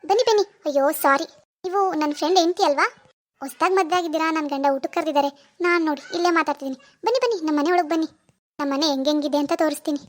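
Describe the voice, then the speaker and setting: A woman voicing a boastful rich young woman who taunts and lectures her poorer sister in an animated cartoon. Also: high-pitched, racing, dry recording, natural voice. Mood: falsely sweet. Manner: taunting, scolding, preachy.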